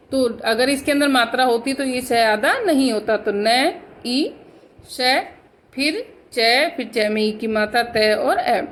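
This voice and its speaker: A woman with a high voice teaches a grammar class, working through each point slowly and patiently. She puts questions to her pupils and then answers them herself, and calls them "beta." A faint hiss sits under the recording. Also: fairly bright tone, poor audio. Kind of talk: recorded online class lesson.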